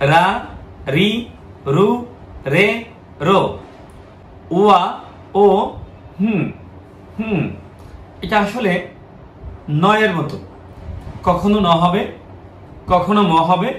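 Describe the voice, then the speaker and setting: A man's voice: high voice, a bit bright, reverberant, a little hiss or hum. A man teaching a language lesson, patiently reading syllables aloud one by one in drills.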